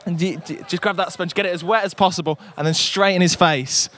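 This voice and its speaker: Chatty local radio presenter outdoors. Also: male voice, sits high, fairly even intonation, brisk, a bit bright. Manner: chatty, upbeat, joking. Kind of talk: live outdoor radio broadcast. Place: outdoor village fair.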